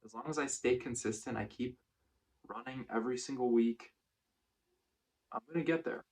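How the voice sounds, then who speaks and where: A man giving a casual running vlog recap in measured, deliberate phrases with frequent pauses. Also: mid-range voice, darkish tone, rough recording. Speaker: running vlogger.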